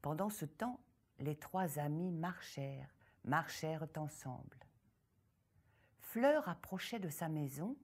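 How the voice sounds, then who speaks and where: A woman tells a folk tale aloud, pacing it slowly and expressively, as if she is speaking to listeners gathered around her. Her delivery is deliberate and shaped for the story. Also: deep voice, expressive, a little mellow, breathy edge.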